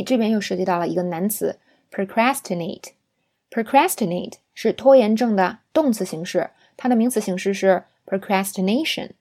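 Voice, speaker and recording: A woman gives a spoken English lesson with patience, pulling each word apart syllable by syllable. Her voice sits at a middle pitch, and she keeps drawing in her listeners with small questions as she moves along. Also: a little mellow. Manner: patient, explains pronunciation syllable by syllable; often checks in with a tag question. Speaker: English teacher.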